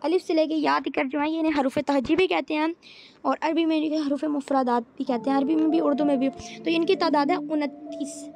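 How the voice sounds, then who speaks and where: A woman's voice: high-pitched, fairly even intonation, a little mellow, a little hiss or hum. A woman with a Pakistani Urdu accent teaching Quran reading step by step, repeating each point and speaking straight to viewers. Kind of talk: patient step-by-step lesson. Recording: music playing behind voice.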